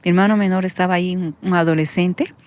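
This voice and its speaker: A woman pastor, giving an earnest testimony that sinks into soft whispers when she recalls her prayers. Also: lowish voice, steady tone, fast talker, a little hiss or hum. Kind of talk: emotional testimony in conversation.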